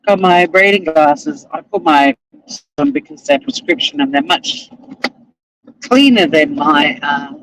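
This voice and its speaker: Filmed inside his moving car, this middle-aged Australian lawyer and vlogger talks to camera in a loose, self-mocking ramble with casual cursing. He speaks at a measured pace in a voice on the high side, with background noise behind him.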